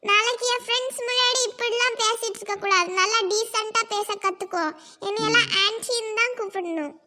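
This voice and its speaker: A woman's voice: extremely high pitch, steady tone, a little fast. A woman playing a bossy, nagging, show-off mother-in-law in a comedy skit, with affected talk that mixes in English.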